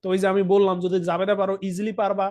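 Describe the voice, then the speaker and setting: A young man with a Bangladeshi Bengali accent teaches an accounting class over a screen recording. His voice sits high for a man, and he keeps asking his students if they understand. He writes on a tablet as he explains. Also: little pitch movement, rapid-fire, a little mellow. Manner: talks directly to students, asks frequent check questions. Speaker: accounting tutor. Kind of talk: online lesson, explaining while writing on a tablet.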